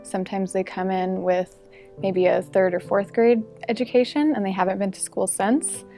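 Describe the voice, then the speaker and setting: A woman who teaches English as a second language, explaining her students' needs in a steady, explanatory way in an interview. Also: medium pitch, moderate pace. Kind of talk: interview testimonial. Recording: soft music bed underneath.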